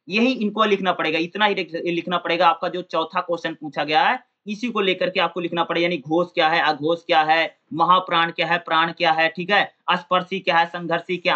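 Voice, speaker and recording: A man teaches an exam-prep lesson in a high, bright voice. He keeps asking his own questions and answering them, repeating key terms and drawing out example syllables. The audio is dull and lo-fi.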